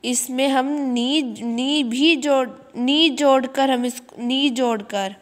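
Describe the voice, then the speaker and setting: A woman's voice: high voice, steady tone, takes it slowly, long reverb tail. A woman teacher giving a grammar lesson, explaining step by step, repeating words and checking in often.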